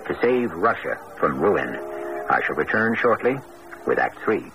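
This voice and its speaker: Expressive male radio drama host, hissy broadcast. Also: low voice, unhurried, gravelly, lo-fi sound. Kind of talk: dramatic scripted narration. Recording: noisy old radio broadcast.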